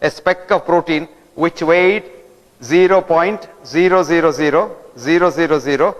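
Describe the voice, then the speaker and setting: A man's voice: on the high side, measured pace, highs cut off. A man giving a speech to an audience, full of rhetorical questions put to the listeners. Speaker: guest lecturer. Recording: long hall reverb.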